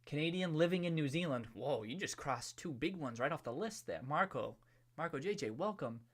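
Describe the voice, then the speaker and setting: A New England man hosts a livestream, reading viewer comments and chatting loosely, often restarting and letting phrases trail off. His fairly high voice is expressive and fairly quick.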